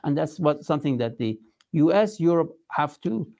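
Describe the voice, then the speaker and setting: A man with a Persian accent giving an interview as a political spokesman, speaking emphatically and formally, with halting phrasing. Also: a little high, animated, vocal fry, warm tone. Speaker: resistance movement spokesman being interviewed.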